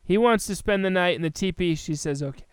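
A man's voice: high-pitched, fairly quick, clear, resonant tone, dry recording. A man co-hosting a casual film podcast, sarcastic and laughing often as he retells scenes. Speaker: podcast co-host. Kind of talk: casual film-review chat.

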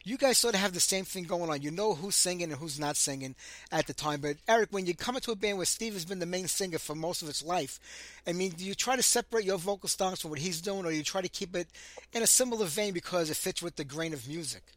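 A man's voice: high-pitched, fast, a bit bright, dry recording. A man with a Brooklyn accent hosting a casual interview, bantering in a blunt, self-deprecating way. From Brooklyn, New York. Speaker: interview show host.

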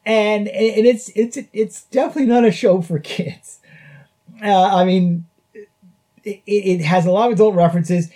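A man's voice: high-pitched, steady tone, moderate pace, warm tone. A man hosting a podcast, reviewing a show in casual chat and chuckling often between phrases. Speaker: podcast host. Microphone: podcast mic.

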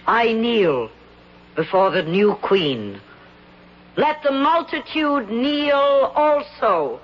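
A woman's voice: a little high, big pitch swings, very slow, heavily acted. An actress playing a queen who proclaims divine commands in a grand, goddess-like manner, in dated television drama style. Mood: solemn, commanding. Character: reluctant woman posing as queen, regally proclaiming a divine command. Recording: muffled old broadcast with hiss.

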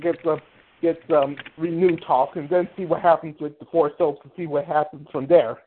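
A man's voice: fairly high pitch, fairly even intonation, moderate pace. A man calling in to a talk show, speaking hesitantly with many restarts. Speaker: caller and show guest. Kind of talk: casual call-in chat. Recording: tinny phone line.

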